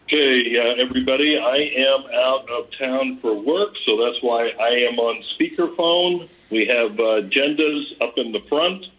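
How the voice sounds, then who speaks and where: A man chairing a public meeting over a speakerphone, reading through his report in a steady, businesslike way with frequent pauses to say "uh". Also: medium pitch. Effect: heard over a speakerphone. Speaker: chair of a village board meeting. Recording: tinny speakerphone played into a room.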